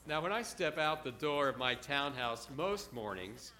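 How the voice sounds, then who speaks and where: Preacher, male, bright forceful tone, dramatic sermon delivery with emphatic repetition. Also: mid-range voice, lively intonation. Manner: dramatic, repeats words for emphasis, slows on quiet phrases.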